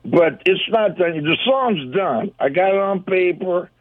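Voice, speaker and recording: An older man phones in to a radio show for a casual chat, his gruff voice pitched a touch high. He rambles in a folksy, easygoing way, animated yet unhurried, drifting from one thought to the next. The audio is narrow and tinny, like a telephone line.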